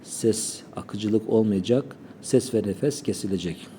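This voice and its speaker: A man teaching Quran recitation, calmly explaining pronunciation and demonstrating sounds slowly. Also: on the low side, a little hiss or hum.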